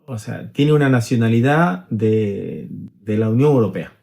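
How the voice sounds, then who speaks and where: A man's voice: medium pitch, unhurried, gravelly, mellow. Middle-aged male lawyer, conversational explainer, illustrative examples, frequent tag questions. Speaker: immigration lawyer.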